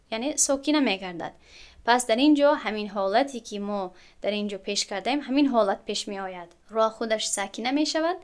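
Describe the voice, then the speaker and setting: A woman with a Tajik accent teaching Quran recitation rules step by step, asking rhetorical questions and slowly chanting the example words. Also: fairly high pitch. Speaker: tajwid teacher.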